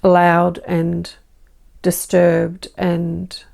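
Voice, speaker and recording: An Australian woman speaking as a benevolent spirit entity in a channelled spiritual message, slow and formal with repeated phrases. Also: on the low side, monotone, gravelly, a little mellow, exaggerated voice. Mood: serene, benevolent.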